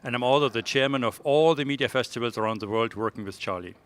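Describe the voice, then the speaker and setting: A man's voice: mid-range voice, fast, a bit bright, a little hiss or hum. A man from Germany answers interview questions as a panel judge, in a mid-range voice. He speaks fluently and lists his points steadily. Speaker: consultant and festival chairman, judge.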